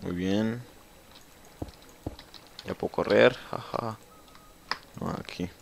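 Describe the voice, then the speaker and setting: A man's voice: fairly low pitch, takes it slowly, creaky, a little hiss or hum. A young man with a Mexican accent giving casual gameplay commentary, chatty and swearing freely as he talks to himself. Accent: Mexican Spanish. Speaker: gamer.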